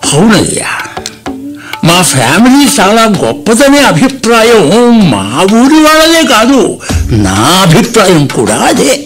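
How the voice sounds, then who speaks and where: A man's voice: sits high, huge pitch swings, measured pace, fairly bright tone, faint music behind, full character voice. An actor playing a bossy, teasing old grandfather in the theatrical, exclamatory manner of an old radio show. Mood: curious, proud. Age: older.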